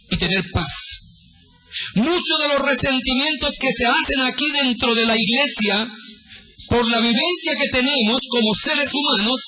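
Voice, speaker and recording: A man preaching a sermon to his congregation, asking them questions and dropping to a low, hushed voice when he retells events. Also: rough recording. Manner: swings between raised emphatic lines and low hushed retellings. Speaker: pastor.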